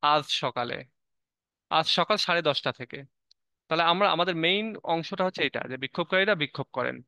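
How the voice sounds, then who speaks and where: A man teaching an online grammar lecture, explaining step by step with rhetorical questions and frequent pauses mid-phrase. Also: a little high, bright, forceful tone, clear, resonant tone, no room sound, highs cut off. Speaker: English teacher.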